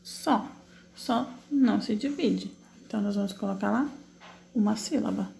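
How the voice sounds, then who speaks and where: A woman's voice: mid-range voice, gravelly, warm tone, a little hiss or hum. A woman teacher, patiently correcting exercises in an online class, asking questions and answering them herself step by step. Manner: slow, drawn-out syllable spelling while typing.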